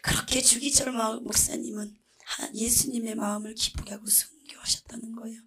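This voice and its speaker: A woman giving a religious testimony about heaven and hell, earnest, often dropping into a breathy whisper. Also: on the high side, fairly even intonation, normal speed, fairly bright tone. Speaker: testimony speaker.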